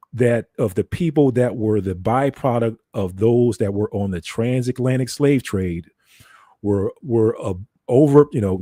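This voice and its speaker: A man's voice: medium pitch, dark tone, dry recording, studio quality. An American man giving an informal teaching talk in a conversational, explanatory way, repeating phrases for emphasis. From United States. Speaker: broadcaster.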